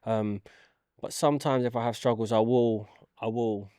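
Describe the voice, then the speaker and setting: A man's voice: medium pitch, fairly even intonation, moderate pace, warm tone, clear, resonant tone, dry recording, clean studio sound. A man from London with a London accent, chatting casually as an interview guest and recalling his own life. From London, England. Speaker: interview guest, fitness content creator. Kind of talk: casual chat, personal recollection.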